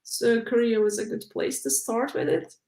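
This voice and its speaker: A young woman from Uzbekistan, guest on a casual interview and a PhD researcher, speaks non-native English in a slightly high, creaky, somewhat mellow voice with little pitch movement. The room echoes, and her delivery is halting, full of "uh," "like," and restarts.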